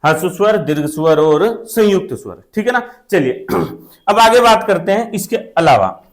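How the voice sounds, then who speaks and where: Male exam-coaching teacher, high voice, repetitive question-and-answer drilling, steady classroom delivery. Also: a little slow. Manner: repetitive, asks questions and answers them himself, often checks with "theek hai na". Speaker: Hindi grammar teacher. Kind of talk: exam-prep classroom lesson.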